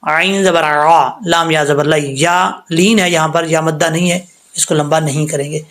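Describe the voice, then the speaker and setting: A man. He explains each rule step by step in a patient, steady way. Then he draws each word out slowly for students to copy. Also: fairly high pitch. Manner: explains rules patiently, then slowly recites words aloud. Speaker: Quran tajweed teacher. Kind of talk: word-by-word recitation lesson.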